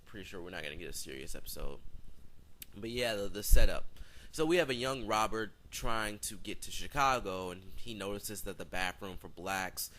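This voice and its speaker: A man's voice: lowish voice, animated, moderate pace, a bit bright, rough recording. A teenage boy talking through a casual video review, rambling and hesitant, full of fillers and restarts. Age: teens.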